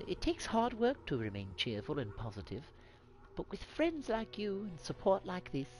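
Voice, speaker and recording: Lady streamer, posh old-fashioned way of talking, voice all over the place, a bit low. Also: low-quality recording. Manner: genteel, old-fashioned gentleman persona. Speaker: game streamer. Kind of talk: live gaming stream chat.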